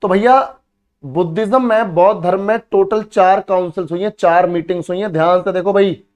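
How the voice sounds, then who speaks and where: Male coaching teacher, higher-pitched voice, drills terms by repetition, quizzes his students and answers his own questions. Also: steady tone, fairly quick, a little mellow. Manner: repeats key words for drilling, calls students beta and bhai; asks students questions then answers himself. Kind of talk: exam-prep history lesson.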